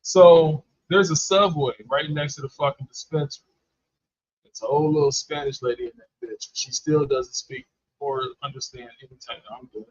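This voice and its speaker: A man's voice: on the high side, steady tone, normal speed, breathy edge, no room sound. A man co-hosting a comedy chat show, telling blunt, heated, profanity-filled stories and acting out the quotes. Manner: blunt, heated, swears constantly, acts out quotes. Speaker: co-host. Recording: dull lo-fi stream audio, dry.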